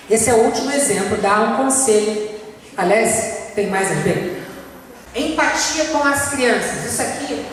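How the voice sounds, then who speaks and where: A woman with a Brazilian accent gives a talk to an audience in a church, often asking them rhetorical questions and slowing down to stress her points. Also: a little high. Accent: Brazilian Portuguese. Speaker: speaker giving a church talk. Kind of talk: lecture to an audience. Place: church hall. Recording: echoey hall from far off, faint hiss.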